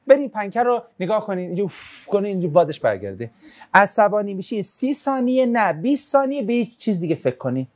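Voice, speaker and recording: A religious class teacher in a relaxed, conversational lesson. The teacher reads student questions aloud, answers them with jokes, and retells a religious tradition as a story. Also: medium pitch. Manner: shifts into storytelling when recounting a religious tradition.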